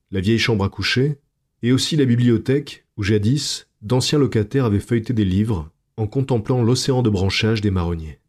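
A man narrating a strange short story aloud in a slow, hushed, measured way. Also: lowish voice, slightly rough. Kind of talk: scripted narration of night tales.

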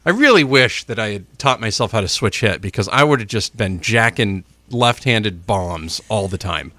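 A middle-aged man chats casually as a morning sports radio host. His delivery swings widely in pitch and his tone is bright and punchy, recorded dry and close. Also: lively intonation, normal speed, no room sound. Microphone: close studio microphone.

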